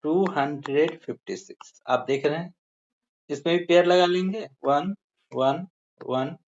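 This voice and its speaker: A patient maths teacher walks pupils through each sum step by step, counting the figures aloud and calling the class dear children. The voice sits at a middling pitch. The recording is slightly muffled, with a faint hiss underneath. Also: measured pace.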